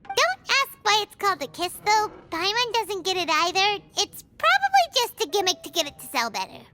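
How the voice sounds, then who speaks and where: A tiny, bubbly fairy sidekick chatters in a squeaky, very high voice whose pitch leaps all over the place, at a moderate pace. Fussy, excitable and chatty, she refers to herself in the third person. It's game cutscene voice acting, with game music clearly audible behind her.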